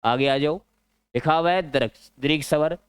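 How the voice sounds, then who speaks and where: Hindi teacher man with a smooth, dry voice. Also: a little high, dry recording. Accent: Rajasthani Hindi. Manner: explains slowly, repeats and stretches key words. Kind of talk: exam-prep Hindi grammar lesson.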